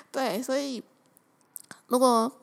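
A young woman with a Taiwanese Mandarin accent, hosting a casual chat and telling stories in a lively, chatty way. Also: sits high, extremely slow, creaky. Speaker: podcast host.

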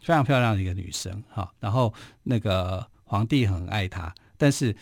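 A man's voice: lowish voice, normal speed, vocal fry, no echo, clean studio sound. Chatty Taiwanese man telling history. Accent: Taiwanese Mandarin. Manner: chatty, frequent filler particles. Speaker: history radio host. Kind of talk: casual history storytelling. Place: radio studio.

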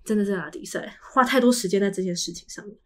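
A Taiwanese Mandarin accent colors this young woman's medium-pitched, slightly bright voice as she talks fast. Co-hosting a podcast, she keeps things casual and voices the dialogue in her chatty stories.

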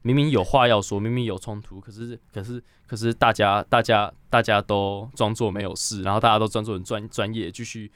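A young man in his twenties with a Taiwanese Mandarin accent, a guest director telling stories in a halting way, repeating words and laughing as he goes. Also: fairly low pitch, steady tone, fairly bright tone, smooth, dry recording. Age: 20s. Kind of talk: casual podcast storytelling.

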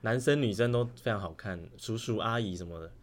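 Lowish Taiwanese-accented man, chatting casually. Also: fairly quick. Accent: Taiwanese Mandarin. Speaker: podcast guest, primary school teacher. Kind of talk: casual travel chat.

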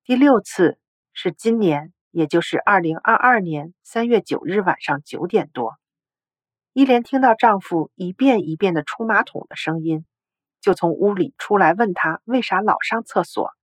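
A woman narrating a story article in a steady, even storytelling read. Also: mid-range voice, moderate pace, no echo.

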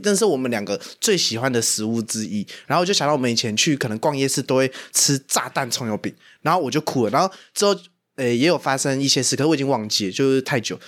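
A young man with a Taiwanese Mandarin accent, telling dream stories in a casual podcast chat, animated and often laughing. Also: mid-range voice, fast. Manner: animated storyteller, laughs a lot. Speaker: podcast host.

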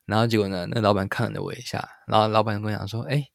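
A man's voice: on the low side, little pitch movement, very fast, creaky, dry recording, clean studio sound. A young man with a Taiwanese Mandarin accent, telling a rambling solo story as a podcast host and laughing at himself. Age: young adult.

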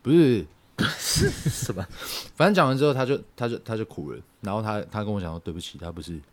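Deep-voiced young man, halting and reflective. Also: animated. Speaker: podcast co-host. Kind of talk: casual podcast chat.

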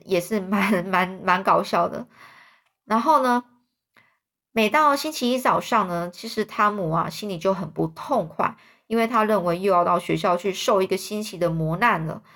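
A woman's voice: medium pitch, a bit bright. A woman retelling a children's story in a chatty way, often rephrasing to explain.

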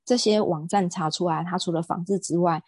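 A woman, a guest on an interview show, telling stories in an outspoken, animated way. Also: lowish voice, fairly quick, no room sound. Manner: outspoken, self-described fiery temper; animated storytelling. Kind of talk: casual interview talk.

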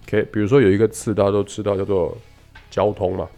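A man teaching English pronunciation in a lesson, explaining patiently and demonstrating words slowly. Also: lowish voice, little pitch movement, warm tone, faint music behind. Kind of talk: radio-style English lesson.

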